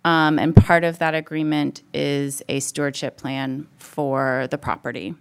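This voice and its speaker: Slow, smooth-voiced woman from parks and rec. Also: low-pitched, little pitch movement. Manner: hesitant, many "um" fillers. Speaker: parks and recreation representative. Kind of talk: public comment at a town board meeting. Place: town meeting room.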